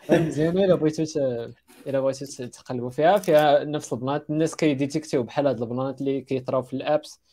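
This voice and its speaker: Fast-talking man with a Moroccan accent. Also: a little high, warm tone. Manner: hesitant, repeats words while searching; mixes Arabic with English and French terms. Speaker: panel participant sharing recommendations. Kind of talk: casual talk about design resources.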